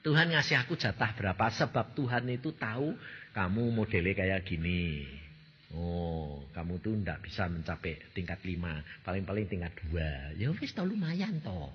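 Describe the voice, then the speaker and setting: Animated Javanese-accented preacher in an echoey hall. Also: male voice, sits low, moderate pace, lo-fi sound. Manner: animated, questioning the congregation. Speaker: pastor. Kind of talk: sermon.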